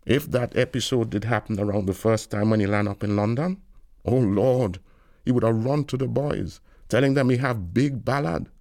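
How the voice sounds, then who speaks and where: A man reading a novel aloud in a lilting, expressive storytelling manner. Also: medium pitch, normal speed, no room sound, studio quality. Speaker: reader.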